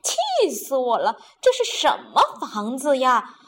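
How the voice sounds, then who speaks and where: 一位女性用哼哼的威胁语气扮演贪心又爱吹嘘的大野狼。. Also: female voice, high-pitched, expressive, measured pace. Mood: scheming. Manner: huffing, threatening, grumbling. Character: big bad male wolf, greedy and blustering.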